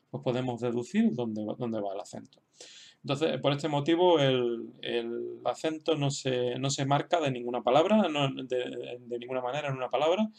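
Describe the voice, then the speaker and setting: Guy teaching, lots of ums and restarts, bit of fry in the voice. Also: mid-range voice, darkish tone. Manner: hesitant, many fillers and restarts. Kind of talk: online lesson, unscripted explanation.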